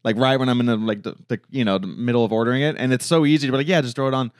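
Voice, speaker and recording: A man's voice: mid-range voice, rapid-fire, dry recording, studio quality. A man hosting a comedy podcast, chatting casually with crude jokes and frequent laughter. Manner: crude, joking, laughs often. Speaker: podcast host.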